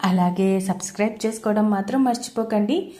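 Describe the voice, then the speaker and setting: Woman storyteller, calm reading, mellow, echoey room. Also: mid-range voice, fairly quick. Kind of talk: scripted story narration.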